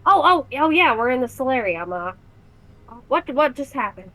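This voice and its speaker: Woman playing a confused young male adventurer, stammers and asks questions, a bit higher than her usual voice. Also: big pitch swings, moderate pace, a bit bright, low-quality recording.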